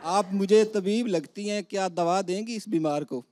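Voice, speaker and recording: A man's voice: sits high, normal speed. A man reciting humorous rhyming verse on a comedy show, with a rhythmic delivery built around the punchlines. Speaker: comic poet guest. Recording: loud studio audience and noise.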